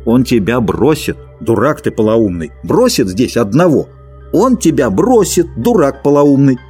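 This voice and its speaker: A man's voice: medium pitch, big pitch swings, measured pace, mellow, husky, faint music behind. A man voicing a huge, contemptuous male rabbit that sneers and scolds in an audiobook reading. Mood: scornful. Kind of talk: audiobook character voice.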